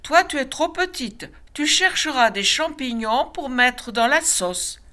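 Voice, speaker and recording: A woman's voice: high voice, animated, measured pace, sharp tone, voice pushed up, full character voice. Distracted father wolf, lecturing and bossy, played by a woman reading a picture book. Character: busy distracted father wolf teaching cubs.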